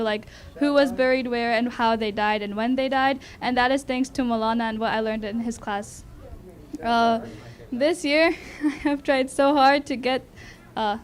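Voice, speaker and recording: A young woman with a high voice gives an acceptance speech as a student. Her delivery is personal and light-hearted.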